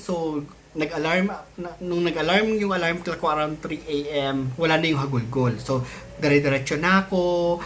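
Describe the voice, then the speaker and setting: A man's voice: fairly high pitch, slight background noise. Chatty man telling a ghost story. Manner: chatty, mixes Tagalog and English, many restarts and fillers. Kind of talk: casual storytelling to camera.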